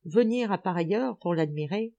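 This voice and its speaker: A woman's voice: lowish voice, animated, fairly quick, dark tone, highs cut off. A woman voicing an older man who speaks mildly and banters lightly in an audiobook. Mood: bantering. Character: older man, mild but rattled.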